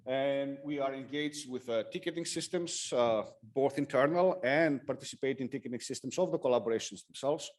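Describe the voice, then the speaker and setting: Halting man presenting a technical talk. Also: mid-range voice. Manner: halting, with frequent hesitations and self-corrections. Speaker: conference presenter. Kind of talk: technical lightning talk with slides.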